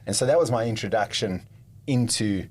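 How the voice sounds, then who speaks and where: A man in his thirties from South Africa with a South African accent, a podcast guest telling stories about his life in a relaxed, chatty way. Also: fairly low pitch, moderate pace. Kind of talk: casual interview storytelling.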